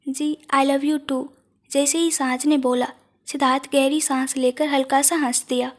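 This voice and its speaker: Woman, audio story narrator, high voice, flat even delivery, soft storytelling. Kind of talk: scripted romantic story narration.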